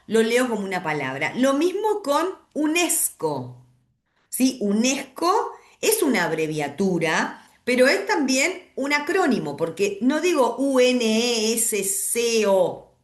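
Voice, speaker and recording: Woman teacher, slow and sing-songy, keeps going "¿sí?", roomy echo. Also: medium pitch, fairly bright tone. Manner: explanatory, checks in with frequent rhetorical "¿sí?". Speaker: English teacher. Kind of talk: recorded class lecture.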